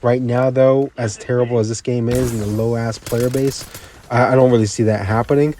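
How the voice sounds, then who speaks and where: A man's voice: medium pitch, steady tone, fairly quick, warm tone, a little hiss or hum. A man giving casual gaming commentary, ranting bluntly and repeating himself, a bit tired, with faint game sounds behind him.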